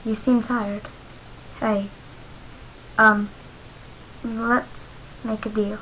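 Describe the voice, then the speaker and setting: A shy, masked teenage boy, as a woman reads him out, speaking softly and hesitantly. His delivery stays quiet and even, with a flat melody. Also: mid-range voice, extremely slow, a little hiss or hum, low-quality recording. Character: shy, soft-spoken teenage boy in a mask.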